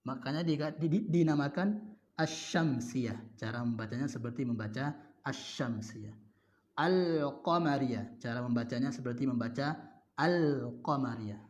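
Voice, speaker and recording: A man from Indonesia teaching Arabic letters in a recorded lesson, drawing out example words slowly and repeating each point with little "ya" and "nah" checks. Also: mid-range voice, darkish tone.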